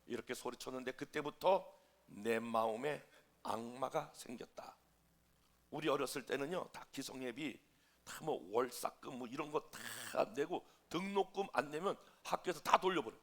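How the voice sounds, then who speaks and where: A middle-aged man preaching a sermon as a pastor, telling stories and acting out voices, shifting between shouts and whispers. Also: medium pitch, normal speed. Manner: animated storytelling, acting out quoted voices, shouting then whispering. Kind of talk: sermon with storytelling. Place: church sanctuary.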